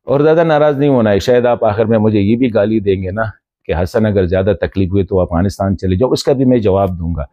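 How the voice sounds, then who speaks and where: In this direct-address commentary video, a male journalist from Khyber Pakhtunkhwa, Pakistan, speaks straight to a colleague, posing rhetorical questions and gently reproaching him with respect. His pitch sits fairly low, there is no echo, and the high frequencies are cut off.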